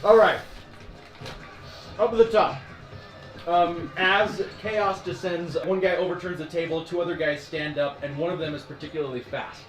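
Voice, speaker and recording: A man narrating a tabletop game as game master, animated, laughing often and filling his speech with "like". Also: on the high side, moderate pace, reverberant, faint music behind, rough recording.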